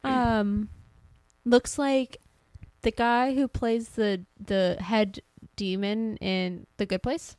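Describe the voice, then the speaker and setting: A woman's voice: mid-range voice, fairly even intonation, extremely slow, a little mellow, dry recording. A woman co-hosting a podcast in casual chat, talking freely and laughing often. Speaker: podcast co-host.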